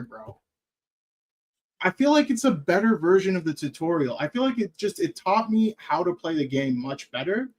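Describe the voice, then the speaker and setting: Rambling young male game streamer. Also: fairly high pitch. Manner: rambling, thinks aloud while playing. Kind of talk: casual gaming stream chat.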